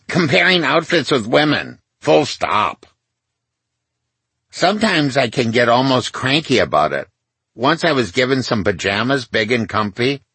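A man's voice: mid-range voice, pushed and bright, husky, dry recording. A man in his sixties reading his memoir aloud to his mother, wry and confiding, with self-mocking asides. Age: 60s. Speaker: memoir author.

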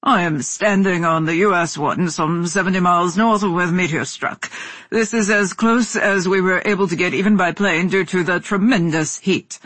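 A woman voicing a male war correspondent reporting slowly and haltingly from a disaster scene. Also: lowish voice, a bit bright, no echo. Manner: halting, slow, emotional reporting.

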